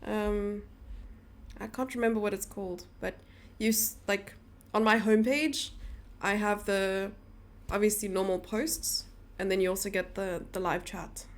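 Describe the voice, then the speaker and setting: A woman's voice: mid-range voice, steady tone, measured pace. Chatty woman streamer reading chat. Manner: chatty, teasing, reads chat aloud. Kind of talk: casual live-stream chat.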